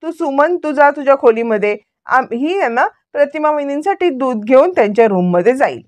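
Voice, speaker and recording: A woman's voice: high-pitched, lively intonation, a little fast, a little mellow. A woman reading out the lines of a scheming, sarcastic middle-aged man from a television serial, in a mocking, taunting tone.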